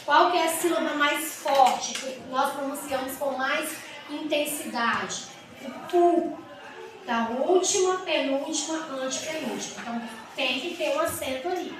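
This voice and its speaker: A woman teacher giving a grammar lesson, explaining step by step with rhetorical questions and drawing out example words slowly. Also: high voice. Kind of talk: grammar lesson for exam students. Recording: echoey room with mic far off and noise.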